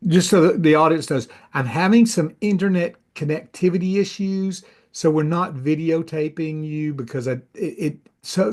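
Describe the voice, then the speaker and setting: An older man, a retired immigration officer, hosting a casual interview over a video call, chatty and full of restarts. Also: on the high side. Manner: chatty, many restarts and asides.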